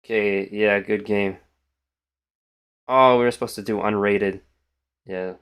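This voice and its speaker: A young man streams a chess game on little sleep, still in his morning voice. He sits a little low in pitch and drifts between quiet mumbling and casual chatter to his viewers. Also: steady tone, a little slow, background noise. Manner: mumbling, thinking aloud, trailing off. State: tired, morning voice. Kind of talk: casual live-stream commentary.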